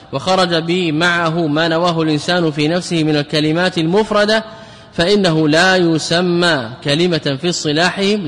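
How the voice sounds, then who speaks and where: A man's voice: on the high side, fairly bright tone. A man teaching a grammar class, repeating words to drill them and putting questions to his students. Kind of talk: classroom lecture. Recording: lecture hall with long reverb.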